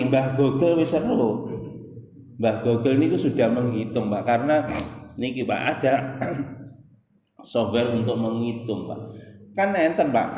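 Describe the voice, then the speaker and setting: A man's voice: mid-range voice, darkish tone. A man with a Javanese accent preaching a sermon, chatting with the congregation and chanting verses in between. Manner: mixes Javanese into Indonesian, addresses listeners as "Pak", chants Quran verses. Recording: echoey hall, long reverb.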